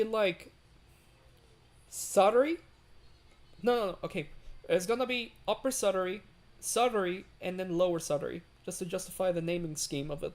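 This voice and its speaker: Here the streamer has a mid-range voice with a darkish tone. He talks loosely as he lays down a railway in a game, filling gaps with fillers and saying hello to chat.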